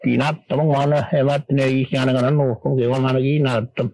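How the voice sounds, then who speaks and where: An older man from Manitoba, Canada, a guest on a radio interview, recalling old times in a rambling, halting way with many restarts. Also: mid-range voice, level tone, darkish tone, a little hiss or hum, low-quality recording.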